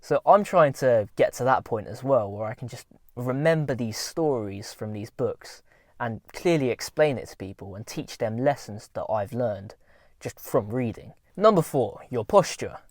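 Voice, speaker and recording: A man's voice: mid-range voice, animated, normal speed, dry recording, clean studio sound. Earnest young man giving advice. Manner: earnest, informal, motivational. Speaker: self-improvement vlogger. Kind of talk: casual advice talk to camera.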